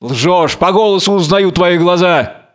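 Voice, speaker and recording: A blind biblical strongman in a fury, as a male reader puts him on, flinging exalted taunts into the dark. His voice rides high and ringing, smooth and resonant. The delivery is wildly theatrical, like an old audiobook drama. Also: unhurried. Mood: exalted taunting. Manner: wild, exalted, taunting declamation. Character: blind raging biblical strongman Samson, man.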